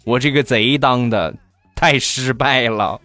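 A man's voice: medium pitch, measured pace, loud music behind the voice. A man telling funny childhood stories in a playful, teasing comic monologue. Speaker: comedian storyteller.

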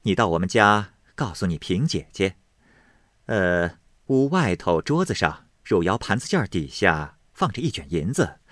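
A man voicing a brisk, commanding young noble mistress giving orders in a storybook reading. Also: on the low side, a bit bright, no echo, clean studio sound. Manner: brisk, bossy, talkative.

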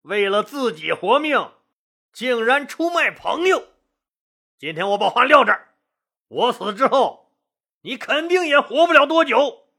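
A storyteller voicing a bitter doomed general. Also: male voice, high-pitched, lively intonation, slow pace, bright, forceful tone, exaggerated voice. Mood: furious. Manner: reproachful, impassioned. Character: desperate, bitter male general facing death.

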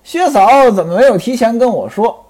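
A man's voice: very high voice, expressive, normal speed, darkish tone. A man voicing a weary, resigned middle-aged head wife who sighs over her household, in a storyteller's tale.

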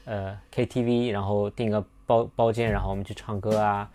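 A man's voice: lowish voice, flat delivery, a little fast, dark tone, faint music behind. A young man hosting a podcast, telling a personal story in a casual, rambling way with many restarts and fillers. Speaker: podcast host.

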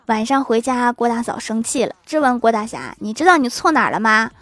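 A woman's voice: fairly high pitch, expressive, fairly quick, fairly bright tone, dry recording, faint music behind. A woman reading out a string of funny anecdotes, adding dry quips and chuckles after the punchlines.

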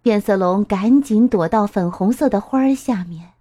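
A woman reading a children's story aloud, slow and expressive in a sing-song way. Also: medium pitch.

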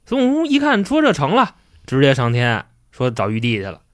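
A male podcast host retells a classic story in slangy, casual chat and swears now and then. His pitch swings widely as he talks. The sound is dry and close to the mic. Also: wildly swooping pitch, a little fast, no echo.

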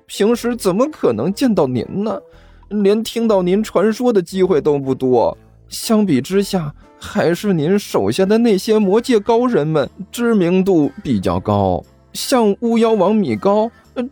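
A man's voice: high-pitched, warm tone, voice pushed up, exaggerated voice. A man doing a stammering, gushing demon servant. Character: excitable stammering male low-rank demon servant.

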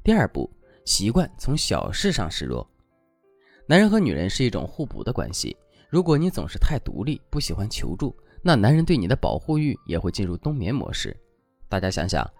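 A man's voice: lowish voice, creaky, a little mellow, no room sound. A man giving dating advice as a scripted, instructive lesson.

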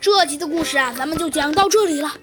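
A woman's voice: high-pitched, fast, soft background music. A woman narrating a children's story, speaking directly to the young listeners. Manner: warm, direct address to children.

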